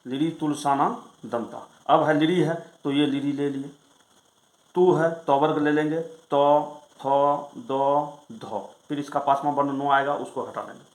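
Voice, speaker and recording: A male Sanskrit grammar teacher explaining rules in a lesson, reciting them slowly and then asking and answering his own questions. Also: on the high side, fairly even intonation, roomy sound, low-quality recording. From Bihar, India.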